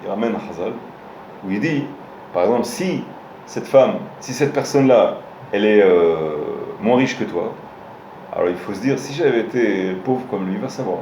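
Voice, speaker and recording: Warm in tone and lowish in pitch, a rabbi speaks animatedly at normal speed in a casual Torah lesson. He tells stories to his listeners directly, frequently restarting and hesitating. There's a little hiss or hum, plus faint ambience from the roomy room.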